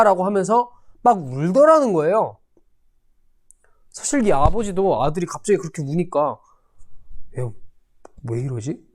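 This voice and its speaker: A man, a pastor, teaching a Sunday school Bible lesson, reading scripture slowly and telling stories with big swings in pitch and loudness. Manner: slow, deliberate scripture reading.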